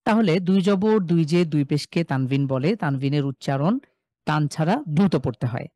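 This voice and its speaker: A man's voice: fairly high pitch, moderate pace, mellow, no room sound, clean studio sound. A man teaching Quran recitation rules in a live online class, patiently repeating syllable drills and speaking to students by name. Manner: addresses students by name, reads chat replies.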